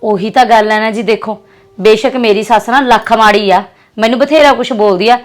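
A young woman with a Punjabi accent acting a sharp, scolding sister in a drama. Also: on the high side, fairly even intonation. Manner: scolding and fast-talking. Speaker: actress playing a sister.

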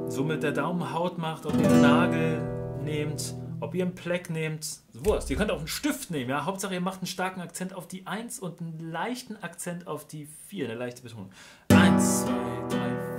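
Casting: male guitar teacher, relaxed lesson tone, counts out beats over strummed guitar. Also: on the high side. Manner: counts beats aloud, loud on the accented counts. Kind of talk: casual instructional talk with counting. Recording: guitar playing under the voice. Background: acoustic guitar playing.

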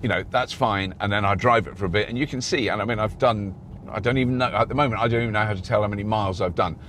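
Deep-voiced man reviewing a car. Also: quick pace, a bit bright. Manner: rambling, with frequent restarts. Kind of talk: casual review while driving. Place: inside a moving car. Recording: road noise in a moving car.

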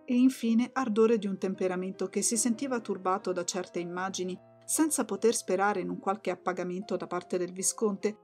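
A woman narrating a literary audiobook in a calm, measured way. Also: mid-range voice.

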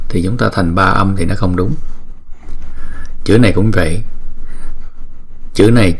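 Low-voiced man teaching pronunciation patiently. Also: gravelly, a bit bright, slightly rough. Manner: patient, repeats each sound slowly to demonstrate; chants the mantra slowly and drawn out. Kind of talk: spoken lesson on pronunciation.

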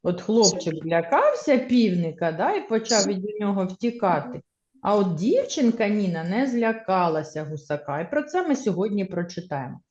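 A woman's voice: medium pitch, sing-song, moderate pace, darkish tone, a little hiss or hum. A woman teacher leading a primary school reading lesson, encouraging the children and having them repeat words after her. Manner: encouraging, leads class in choral repetition. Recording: echoey classroom, slightly dull sound.

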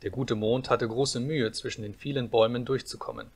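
A man reading a fairy tale aloud as an audiobook narrator, calm and measured. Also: medium pitch, slightly rough.

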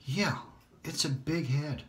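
A shaving vlogger narrates casually while he shaves, rambling, poking fun at himself and sometimes slipping into a whisper. His voice is fairly high and slow, captured by a phone or camera on a holder in a roomy home recording with a little hiss or hum.

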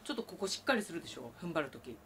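Bright lively woman teaching singing. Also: sits low, rapid-fire, slight background noise. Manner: explains plainly, breaks into loud sustained sung tones. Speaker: traditional Japanese singing teacher. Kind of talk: vocal lesson with sung demonstrations.

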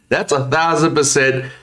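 A man's voice: mid-range voice, fairly bright tone. A young man giving casual reaction commentary, trying not to laugh and breaking into chuckles. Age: young adult. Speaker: host of a reaction video challenge. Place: plain indoor room.

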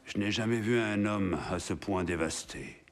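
A man playing a frank, thoughtful brotherly adviser in a video game, speaking in a measured, reflective way. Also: fairly low pitch, natural voice. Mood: reflective, candid. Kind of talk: video game drama acting.

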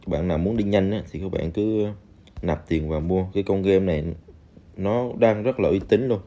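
Speaking at normal speed with a low pitch and dark tone, this man reviews a game over its screen recording. His style is chatty and filler-heavy, aimed right at the viewers.

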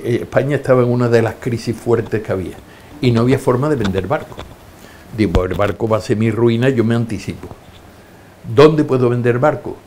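A man's voice: fairly low pitch, a little hiss or hum. An older man in an interview, telling his life stories and acting out the voices of people in them. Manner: lively anecdotes, acting out quoted voices. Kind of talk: storytelling interview.

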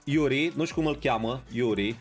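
A man's voice: medium pitch, faint music behind. A man streaming a football video game live, bantering with his chat and playing up mock outrage. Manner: banters and greets viewers in chat.

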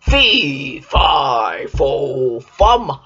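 A woman voicing a loud, gruff male giant who bellows his lines in a children's story, recorded with a dull lo-fi sound. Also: very deep voice, very animated, extremely slow, pitched below the performer's own voice, exaggerated voice. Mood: bellowing.

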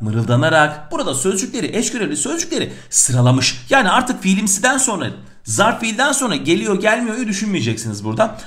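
A middle-aged man teaching a lesson on punctuation, animated, asking questions and answering them himself. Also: high-pitched. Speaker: Turkish teacher. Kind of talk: lively lesson on punctuation exercises.

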